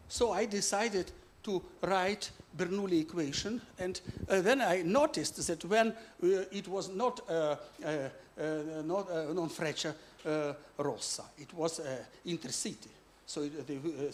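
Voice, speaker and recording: A man from Ukraine presents his physics book in a talk. His voice sits a little high. He speaks halting English and keeps pausing on "uh" as he hunts for words. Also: a little hiss or hum. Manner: halting non-native English with many "uh" fillers.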